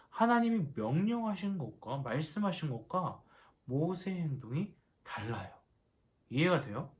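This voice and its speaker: A man leads a children's worship lesson, asking the kids question after question. His voice sits a bit high for a man and rises and falls a great deal as he talks. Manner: animated, asks the children questions. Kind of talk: children's sermon.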